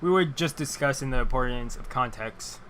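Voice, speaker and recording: A man's voice: mid-range voice, normal speed, pushed and bright, slight background noise, natural voice, rough recording. A man voicing an earnest, argumentative art-snob dad in a game read-aloud, with a fan running. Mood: earnest, exasperated.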